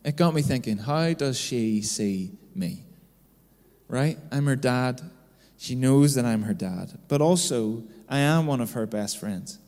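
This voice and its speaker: A man's voice: mid-range voice, expressive, measured pace, a little mellow. A man in his thirties giving a conversational sermon as a pastor, telling stories and tagging his sentences with "right?". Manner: storytelling, keeps adding "right?" tags. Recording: long reverb of a hall.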